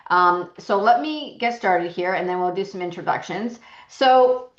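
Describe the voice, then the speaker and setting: A woman's voice: mid-range voice, unhurried. Woman hosting online, roomy dull audio. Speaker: session host. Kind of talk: informal online presentation. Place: indoors, on an online video call.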